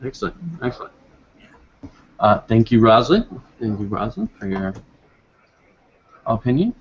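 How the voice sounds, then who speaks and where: A man's voice: medium pitch, big pitch swings, normal speed, breathy edge, lo-fi sound. A man hosting a casual live online discussion, rambling and upbeat with many fillers. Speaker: host.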